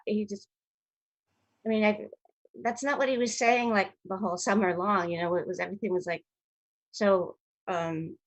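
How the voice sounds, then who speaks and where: Husky low-voiced woman telling stories. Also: no echo. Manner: rambling, self-interrupting, animated anecdotes. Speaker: actress, interview guest. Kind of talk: casual storytelling interview.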